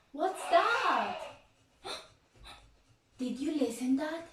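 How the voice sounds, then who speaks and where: A woman teaching a bilingual lesson to small children, in a slow, exaggerated and playful way with gasps of surprise. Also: a little high. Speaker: preschool teacher. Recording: roomy, distant from the mic.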